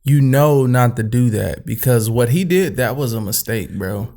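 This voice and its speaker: A man hosting a casual podcast chat, talking in halting, looping phrases and calling his guest bro. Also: mid-range voice, expressive, darkish tone, slight background noise. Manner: halting, restarts often, calls people bro. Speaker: podcast host.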